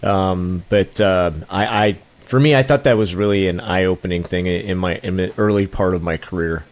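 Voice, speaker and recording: Middle-aged man, podcast host, upbeat and encouraging, lowish voice. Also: normal speed. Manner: enthusiastic, encouraging interjections. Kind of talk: casual podcast conversation.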